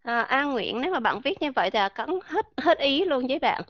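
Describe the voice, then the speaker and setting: A woman teaching English pronunciation in a live online class, encouraging and slowly repeating words as drills. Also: sits high, sing-song, no room sound, lo-fi sound. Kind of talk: live online voice-chat lesson.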